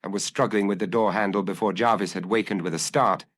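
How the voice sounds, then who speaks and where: A man narrating a dramatic audiobook in a measured storytelling manner. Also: fairly low pitch, fairly even intonation.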